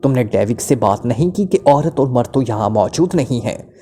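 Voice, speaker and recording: A woman's voice: a bass voice, lively intonation, moderate pace, warm tone, breathy edge, heavily acted. A man voicing a snarling ruthless female agent. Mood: commanding. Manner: snarling, curt commands. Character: cold ruthless female secret agent interrogator.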